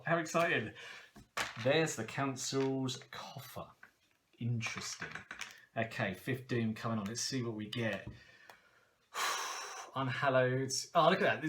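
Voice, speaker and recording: Excitable man playing a card game. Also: medium pitch, background noise. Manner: excitable, laughs often, talks to himself. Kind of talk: casual game playthrough commentary.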